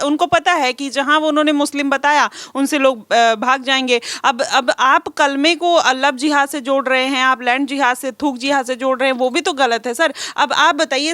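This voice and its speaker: High-voiced reporter firing questions. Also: female voice, fairly bright tone, no room sound, studio quality. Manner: challenging, rapid-fire questions. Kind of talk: confrontational interview questioning.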